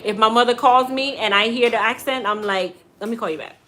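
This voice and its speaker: Talking briskly in a slightly high, fairly bright voice, this American woman is a middle-aged hairstylist answering live-stream viewers. She keeps it casual, joking and teasing throughout and laughing a lot.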